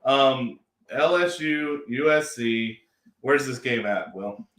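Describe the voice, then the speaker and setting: A man hosting a casual sports picks show, loose and joking with quick asides. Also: medium pitch, fairly bright tone, roomy sound. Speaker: show host.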